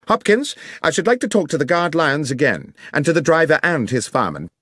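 Holmes, a man voicing a crisp detective. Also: a little high, very animated, a bit bright, no echo, studio quality, pitched above the performer's own voice. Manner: precise, measured and authoritative. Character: sharp, commanding male detective, middle-aged.

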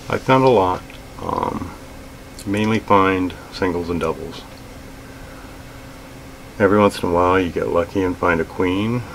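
A middle-aged man with a deep, gravelly voice talks slowly and easily to a camera across the table. His manner is plain-spoken and unhurried, with plenty of ums and uhs. A faint air conditioner hums in the small room. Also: a little hiss or hum, low-quality recording. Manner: relaxed, plain-spoken, with frequent fillers. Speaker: outdoors vlogger. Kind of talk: casual gear talk to camera. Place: small indoor room with shelves of gear.

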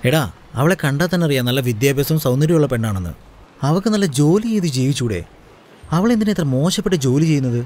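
Man as a gruff, quick-tempered young guy, fast speech. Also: a little high, lively intonation, a little mellow, close to an everyday voice. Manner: gruff, threatening.

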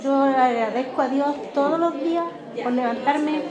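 An older woman speaks earnestly and gratefully in a high voice during a news interview. Her words ring in a roomy exhibition hall, with people chattering behind her. She sounds plainspoken and sincere. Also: normal speed, dull audio, crowd noise. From Chile. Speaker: president of a retirees' craft workshop. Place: indoor exhibition room.

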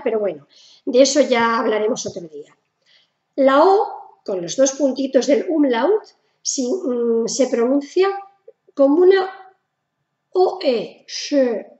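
Slow high-voiced Spanish woman teaching. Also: darkish tone, echoey room, muffled recording. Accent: Spanish from Spain. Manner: patient, repeats and spells out sounds. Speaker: German teacher on a video channel. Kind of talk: casual video lesson.

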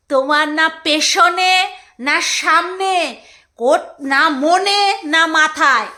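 A woman's voice: high-pitched, pushed and bright. A woman vlogger giving casual, mocking and sarcastic commentary.

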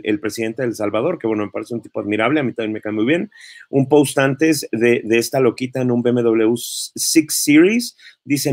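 A man's voice: mid-range voice, dry recording. A man talks through gossip in a casual, mocking way. His sarcastic asides come in a mid-range voice. The sound is dry and close. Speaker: gossip commentator.

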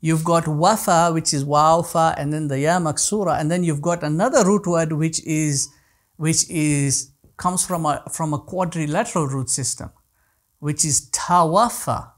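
A Kutchi-speaking man in his thirties delivers an online class lecture, answering questions in a fairly high, steady voice at a measured pace. He restarts often and repeats words as he works through each point. He sounds close to a lapel mic in a small indoor room.

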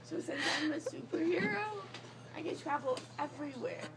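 A young woman groggy from anesthesia, rambling boastfully and casually in drawn-out words from a hospital bed. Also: sits high, vocal fry. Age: young adult. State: groggy from anesthesia after surgery. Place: small hospital recovery room, lying in bed. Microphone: handheld phone a short way off. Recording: noisy handheld phone recording.

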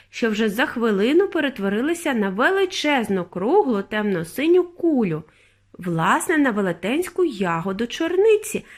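A woman narrating a bedtime audiobook for children, reading expressively. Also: on the high side. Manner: expressive storytelling. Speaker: narrator, mother reading to her daughter.

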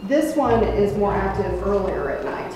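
A woman's voice: medium pitch, big pitch swings, measured pace, noisy background. A woman working as a tour guide, explaining things as she shows people around indoors. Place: indoors in a large old building. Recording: echoey room with music behind.

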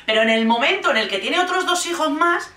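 Woman, sarcastic reality-show commentary, expressive, echoey room. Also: high voice, brisk, distant mic. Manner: sarcastic and expressive, mimics people in quoted voices. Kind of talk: casual reaction commentary.

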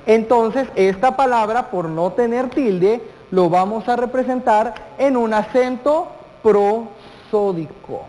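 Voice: mid-range voice, a little slow, hardly any pauses, mellow. A teacher giving a televised classroom lesson, speaking straight to the students, posing questions and stretching out key words. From Guatemala. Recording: long hall reverb.

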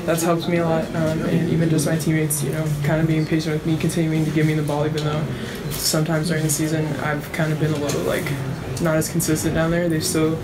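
A young woman, a college basketball player, answering questions in a postgame press interview, measured and soft-spoken with frequent ums. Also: sits low, completely flat delivery, heavy background noise. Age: young adult. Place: small indoor press room.

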